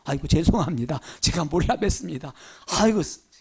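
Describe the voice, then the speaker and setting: A man's voice: a little high, expressive, a little fast, breathy edge, pitched below the performer's own voice. A man preaching, voicing the storm wind as it apologizes in a groveling, humble way. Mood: apologetic. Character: sheepish storm wind begging pardon. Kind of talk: sermon storytelling.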